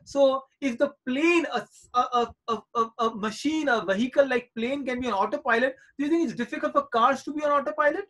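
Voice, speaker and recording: High-voiced man in his forties teaching. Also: a little fast, fairly bright tone. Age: 40s. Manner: reassuring, coaxing, repeats points. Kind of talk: live online class for children. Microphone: video call.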